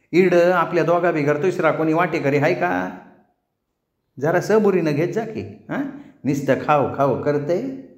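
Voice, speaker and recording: Man putting on a bossy village girl, rural Marathi dialect, raised pitch, scolding. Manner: scolding, loud, playful. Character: mischievous bold village girl, bossy and teasing. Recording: roomy echo.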